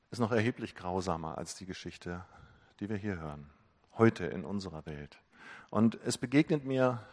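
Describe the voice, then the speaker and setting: A man preaching a sermon in an earnest, reflective way. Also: on the low side. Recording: long reverb of a hall.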